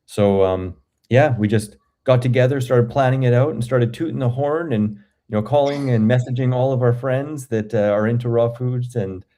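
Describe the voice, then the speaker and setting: A man's voice: medium pitch, normal speed, dark tone. A Canadian man in his forties, a guest chatting enthusiastically on a video call and rambling through his stories. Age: 40s. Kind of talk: casual chat.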